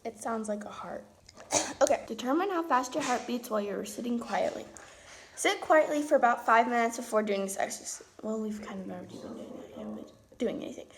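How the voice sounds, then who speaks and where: A woman's voice: on the high side, animated, fairly quick, noisy background. A young woman with the hiccups reading science lab instructions aloud at home, with casual asides. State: has the hiccups. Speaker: vlogger doing a school science lab at home. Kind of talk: casual home video chat.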